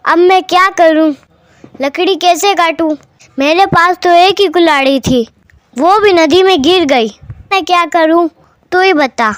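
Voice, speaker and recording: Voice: very high voice, unhurried, a bit bright, no room sound. A storyteller doing a poor weeping woodcutter. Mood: lamenting. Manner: wailing, lamenting. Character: poor honest male woodcutter. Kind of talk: storybook narration.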